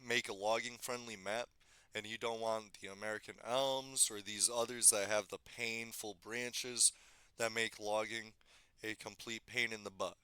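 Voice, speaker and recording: A man giving a casual screen-recorded software tutorial, thinking aloud and correcting himself as he goes, slightly losing his voice. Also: on the low side, fairly even intonation, normal speed, smooth, no echo. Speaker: tutorial maker.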